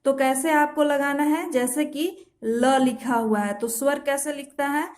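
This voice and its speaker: A woman shorthand teacher talks through each rule slowly and patiently. Her voice sits high, and she repeats example words and corrects herself as she goes. The pace stays unhurried throughout. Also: fairly even intonation, darkish tone. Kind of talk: step-by-step instructional lesson. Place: home.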